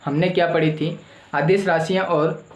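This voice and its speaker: A man's voice: on the high side, steady tone, moderate pace, roomy sound, rough recording. A male teacher giving a classroom lecture who asks his own questions and answers them, repeating the key terms.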